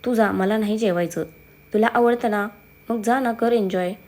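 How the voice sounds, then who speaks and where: A woman's voice: medium pitch, steady tone, normal speed, a little mellow, natural voice. A woman voicing a sulking, teasing young husband who speaks affectionately to his wife. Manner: playful, affectionate, calls wife baby.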